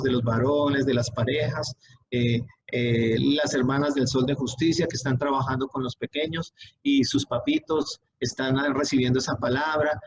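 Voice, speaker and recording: A man preaching a sermon, emphatic and often checking in with his listeners, rising on questions and slowing on key words. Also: mid-range voice, noisy background. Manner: repeats "¿sí?" to check in with the congregation. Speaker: pastor.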